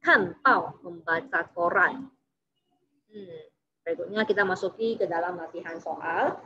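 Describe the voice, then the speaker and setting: A woman teaching Mandarin vocabulary, saying example words slowly and carefully, then explaining them quickly with a frequent tag "ya". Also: on the low side, sharp tone, breathy edge. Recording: dull lo-fi recording with faint background noise.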